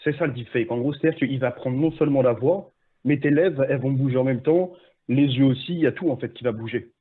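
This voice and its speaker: A man's voice: medium pitch, fast talker, husky. A man calling in to a stream, explaining a topic in a hesitant, restarting way. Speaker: caller. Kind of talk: phone-in call. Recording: tinny phone line.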